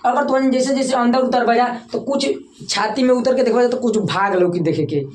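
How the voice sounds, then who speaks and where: Woman teacher, Bhojpuri-tinged Hindi accent, fairly high voice, drills terms and quizzes the class, echoey room with faint noise. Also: brisk, a little mellow. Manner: repeats key terms and quizzes students for answers. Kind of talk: classroom lecture.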